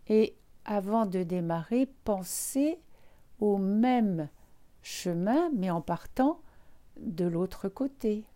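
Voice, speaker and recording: A woman instructor leading a guided relaxation exercise, calmly and gently giving step-by-step instructions with frequent pauses. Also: mid-range voice. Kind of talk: guided relaxation lesson, speaking directly to listeners.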